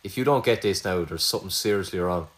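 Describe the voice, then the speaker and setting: A man's voice: low voice, fast talker, a bit bright. A man with an Irish accent hosting a casual podcast quiz, full of crude teasing banter. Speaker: quizmaster host.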